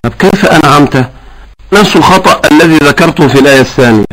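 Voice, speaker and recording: A man teaching correct Quran recitation, explaining patiently and chanting verses slowly to demonstrate. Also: fairly high pitch, expressive, a bit bright, low-quality recording.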